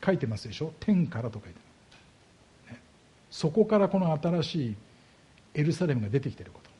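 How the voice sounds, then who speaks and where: A man's voice: a little high, very animated, mellow, slightly rough, dull audio. A man preaching a sermon as a pastor, explaining scripture and asking his congregation rhetorical questions. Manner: slows down heavily on key words.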